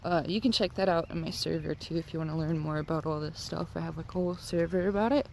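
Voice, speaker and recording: A stoned woman rambling casually and haltingly, with lots of filler "like"s, as she vlogs on a walk. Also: sits low, fairly even intonation, creaky, a little mellow, slight background noise. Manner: rambling, halting, heavy use of "like". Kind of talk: casual rambling vlog talk. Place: outdoors, on a walk.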